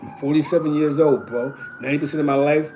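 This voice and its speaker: New York man, 40s, host telling loose streetwise stories, somewhat high voice, slight background hum. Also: steady tone, fast, mellow. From East Harlem, New York. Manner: rambling, repeats himself, constant "you know what I'm saying". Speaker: show host. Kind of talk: casual streetwise storytelling.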